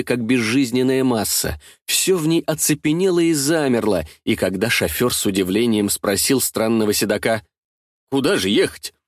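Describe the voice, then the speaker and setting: Male audiobook narrator, medium pitch, dry close sound, measured dramatic reading. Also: no echo.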